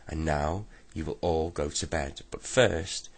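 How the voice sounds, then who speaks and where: A man voicing a fierce, bossy old woman from a storybook, scolding and shrill. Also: steady tone, a little slow, heavily acted.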